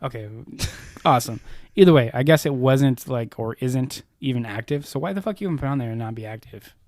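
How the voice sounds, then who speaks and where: A man co-hosts a podcast in easy, sarcastic banter, swearing often and breaking into laughter. His pitch is average for a man. The recording is close-miked and dry. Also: fairly quick, darkish tone, no echo. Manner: profane, sarcastic, laughs easily. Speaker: podcast co-host. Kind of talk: casual chat.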